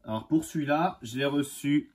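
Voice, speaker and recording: A man hosting a casual unboxing vlog as a model car collector, enthusiastic and halting, with many fillers and restarts. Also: on the high side, a little mellow, husky. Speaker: die-cast model car collector and channel host.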